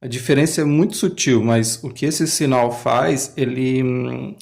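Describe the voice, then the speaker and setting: A man's voice: medium pitch, steady tone, measured pace, creaky, a little mellow. A man, talking casually and hesitantly as he comments on a language lesson. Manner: thinks aloud, hesitant, restarts often. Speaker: language learner host.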